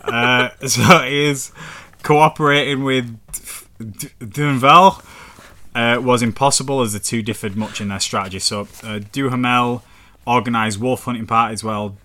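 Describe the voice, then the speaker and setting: Northern english guy, sweary rambling podcast chat, bright sharp tone. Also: mid-range voice, steady tone, normal speed. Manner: rambling and sweary, reading facts aloud. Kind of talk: casual chat.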